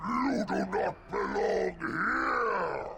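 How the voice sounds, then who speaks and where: An actor playing a menacing male demon spirit in a fantasy game, with a gravelly, scornful way of making threats. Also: high-pitched, animated, extremely slow, background noise, full character voice.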